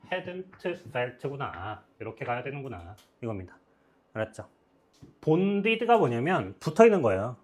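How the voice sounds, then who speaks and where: A man teaching English grammar, his voice rising and falling a lot as he walks through each sentence. He stops often to check whether the class has followed. His pitch sits in the middle of the usual range. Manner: explains step by step, checks often with "got it?". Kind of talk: grammar lecture.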